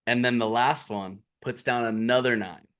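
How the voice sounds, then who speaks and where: A man's voice: mid-range voice, steady tone, normal speed, fairly bright tone, smooth. A man co-hosting a podcast in casual chat, laid-back, filling in and correcting details of the story. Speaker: podcast co-host.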